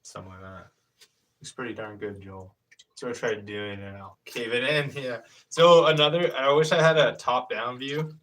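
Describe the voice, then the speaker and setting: Heard from some distance away, this thirty-something man works a pottery wheel and explains each hands-on step in a rambling, hesitant way during a casual live stream. His mid-range voice is a bit bright, with fairly even intonation and a normal speaking speed.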